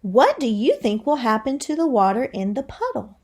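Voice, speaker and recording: A woman teacher with a voice on the high side and a breathy edge reads aloud to young children. Her delivery is deliberate and expressive, and she thinks aloud while questioning her audience.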